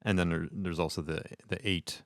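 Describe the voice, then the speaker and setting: A man with a low, gravelly voice co-hosting a casual synth podcast. He talks in a laid-back way, with a dry, close mic sound. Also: level tone, normal speed, fairly bright tone, no echo. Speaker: podcast co-host. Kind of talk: casual chat.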